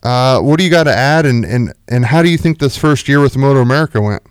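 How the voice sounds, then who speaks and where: A man co-hosting a radio show in a friendly, relaxed way. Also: mid-range voice, fast, clean tone, dry recording. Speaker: radio co-host. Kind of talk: casual radio talk.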